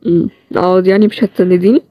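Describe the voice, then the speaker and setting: A woman voicing a tired, stubborn young man with an Egyptian accent, in a low-key, plain-spoken way. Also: steady tone, rapid-fire, warm tone, no room sound, lightly acted. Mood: teasing. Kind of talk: storybook role-play series.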